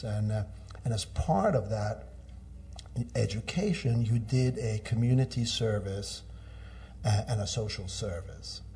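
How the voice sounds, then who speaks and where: A man's voice: fairly low pitch, warm tone. A middle-aged man, a business executive giving thoughtful, conversational interview answers. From Norway. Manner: thoughtful, with frequent restarts and fillers.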